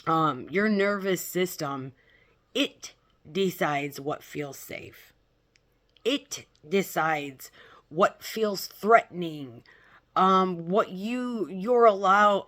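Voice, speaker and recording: A woman talking casually as a self-help influencer, blunt and emphatic, haltingly checking in with her listeners. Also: lowish voice, fairly bright tone.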